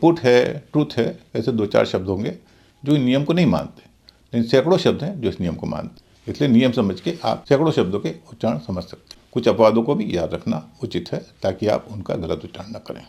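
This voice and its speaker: A middle-aged man gives a pronunciation lesson in a gravelly, mellow voice. His pitch swings widely as he spells out words letter by letter and walks through each rule. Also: expressive, brisk. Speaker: English pronunciation teacher. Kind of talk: Hindi-language English lesson.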